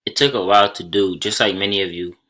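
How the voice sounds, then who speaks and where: The recording is rough as a young Senegalese college student, a Soninke speaker from childhood, takes his class through his slides. He keeps a steady tone in a low voice with a bright, forward edge, talking plainly and slowly with the occasional small restart.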